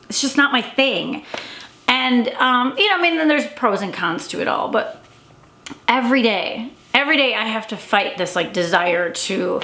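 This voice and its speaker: A woman who is a vlogger and coach talks to camera in a casual daily vlog, rambling with many fillers and restarts. Her medium-pitched voice has a sharp tone, sounds a little stuffy and congested, and echoes in the room.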